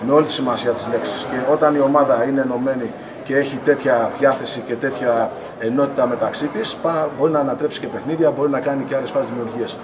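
A middle-aged man, a national team coach, giving measured post-game remarks to reporters at an arena press wall. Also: mid-range voice, fairly even intonation. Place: arena press area in front of a sponsor wall. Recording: noisy arena press area.

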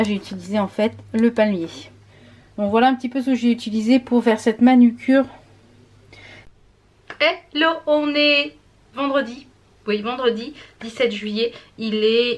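A woman vlogging casually to camera, hoarse and out of breath, chatty and full of hesitant fillers. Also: medium pitch. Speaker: beauty vlogger. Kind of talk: casual vlog chat to camera.

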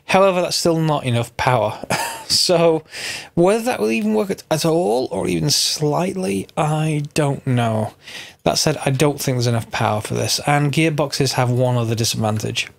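With a voice on the high side, creaky and animated, a man hosts a Minecraft mod tutorial at normal speed. He's congested from a cold and narrates casually, thinking out loud and correcting his missteps.

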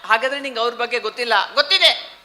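A male ventriloquist plays straight man in a stage comedy show, quizzing and teasing his puppet. His voice sits high and rings very bright. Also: fast talker.

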